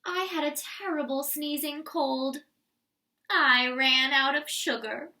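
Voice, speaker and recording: Lady doing a storybook wolf guy, confiding and self-excusing, high bright voice, bit far from mic. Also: fairly even intonation, slow pace, exaggerated voice. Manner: confiding, addresses listeners directly. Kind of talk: animated children's storybook read-aloud.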